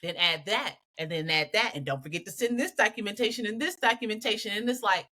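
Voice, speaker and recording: A woman co-hosting a podcast, ranting in an animated and exasperated way. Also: mid-range voice, fast talker. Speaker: podcast co-host. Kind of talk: casual podcast chat.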